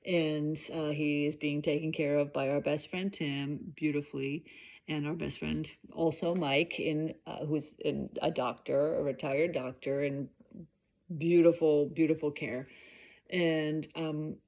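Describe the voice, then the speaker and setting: A woman's voice: low-pitched, little pitch movement, measured pace, a little mellow. A middle-aged woman hosting a podcast, talking candidly in a rambling personal monologue full of fillers. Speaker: podcast host.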